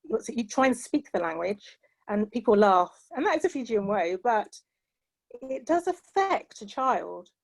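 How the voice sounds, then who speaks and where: Speaking at a normal pace, a middle-aged woman from England sits on the high side with a sing-song lilt. She's a panel guest with a British accent who reflects on personal matters sincerely, often using "you know."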